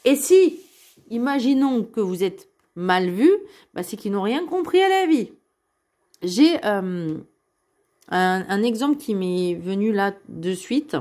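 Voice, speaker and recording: Une femme d'âge moyen qui fait une guidance de cartes spirituelle, parlant directement à son public sur un ton sérieux et rassurant, avec beaucoup d'hésitations. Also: female voice, mid-range voice, animated, takes it slowly, darkish tone. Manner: earnest and reassuring, addresses viewers directly, many hesitations. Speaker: card reader giving a weekly guidance. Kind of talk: spiritual card reading, casual monologue.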